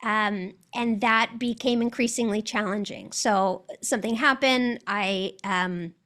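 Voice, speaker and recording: A woman's voice: mid-range voice, fairly even intonation, unhurried, a bit bright. A woman with an American accent, a guest telling her story in an interview, articulate and reflective.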